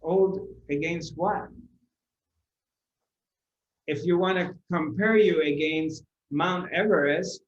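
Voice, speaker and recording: In a roomy, slightly dull recording with some background noise and audible room echo, a spiritual teacher talks to a seated audience. His delivery is very slow and a bit high-pitched, and he dwells on and repeats his phrases while posing rhetorical questions.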